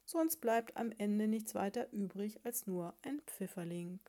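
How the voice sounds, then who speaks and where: A woman's voice: mid-range voice, measured pace, warm tone. Woman reading a bedtime story. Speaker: bedtime story podcast host. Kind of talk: storytelling to children.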